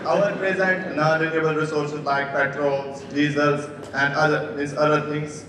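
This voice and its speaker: A man's voice: fairly high pitch, level tone. Young Kashmiri-accented man in an echoey hall. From Kashmir Valley. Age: young adult. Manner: deferential, halting. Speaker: student audience questioner. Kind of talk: question at a public lecture. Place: lecture hall. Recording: echoey hall with clear background noise.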